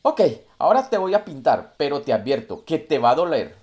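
A man voicing a sly, clever male monkey who talks quickly and eagerly in a storybook tale. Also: a little high, very animated, a little mellow.

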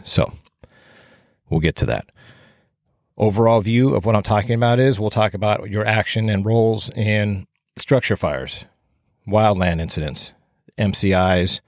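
A man with a lowish voice talks on his own in a loose, rambling podcast, plain-spoken and quick to poke fun at himself. He hosts the podcast and teaches firefighting, and you can hear him breathe into a close mic in a room with no reverb.

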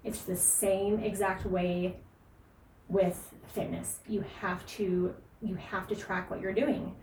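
A woman's voice: mid-range voice, steady tone, takes it slowly, a little mellow. A woman podcast host giving casual, emphatic fitness and nutrition advice, with frequent fillers. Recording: echoey room, distant mic, faint noise.

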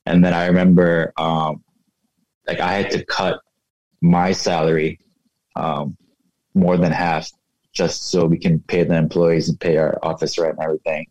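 Deep monotone guy in his 30s, laid back, lots of "you know", kinda dull dry sound. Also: moderate pace, no room sound. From United States. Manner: relaxed, reflective, many fillers like "you know". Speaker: guest, fashion entrepreneur. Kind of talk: casual interview.

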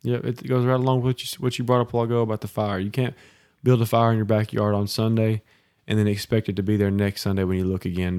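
Low-voiced man preaching on a podcast. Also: mellow, clean tone, no echo, studio quality. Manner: preacherly, lists points, asks "Amen?". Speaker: podcast co-host. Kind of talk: faith podcast chat with sermon-like teaching.

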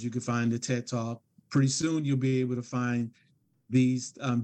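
Middle-aged male podcast guest, earnest, reflective, mid-pitched voice. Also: mellow. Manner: earnest, reflective storytelling with restarts. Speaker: guest author. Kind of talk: podcast interview.

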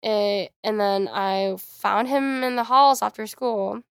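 A woman's voice: medium pitch, slow, clear, resonant tone, dry recording, studio quality. Chatty young woman telling a story. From United States. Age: young adult. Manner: chatty, frequent "like", animated quoting. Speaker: podcast host. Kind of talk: casual storytelling monologue.

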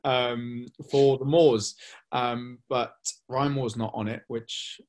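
A young man co-hosting a racing tips podcast, relaxed and thinking aloud with frequent ums. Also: mid-range voice, slow. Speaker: racing tipster co-host. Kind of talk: casual podcast chat.

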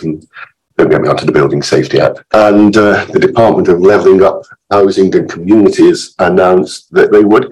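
A man with a very low, croaky voice, sounding hoarse from illness. He explains things informally as a guest expert on a podcast. His delivery is chatty, with wry asides. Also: a little mellow, poor audio.

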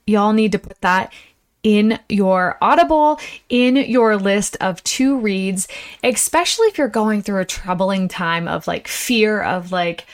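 A woman hosting a motivational podcast from inside an RV, talking in an animated, exclamatory, chatty way with folksy y'alls. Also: medium pitch, a little slow. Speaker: podcast host. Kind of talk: enthusiastic casual motivational monologue.

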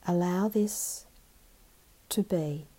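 Female meditation narrator: calm and meditative, slightly low pitch, very slow delivery, soft and breathy. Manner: calm, meditative tone with long pauses. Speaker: meditation guide.

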